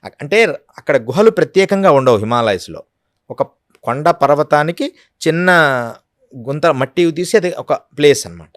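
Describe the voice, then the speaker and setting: A man's voice: fairly high pitch, expressive, moderate pace, pauses often, no echo, clean studio sound. A man, a yogi guest speaking earnestly in an interview, often acting out quotes. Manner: earnest, storytelling with acted quotes. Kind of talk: devotional interview talk.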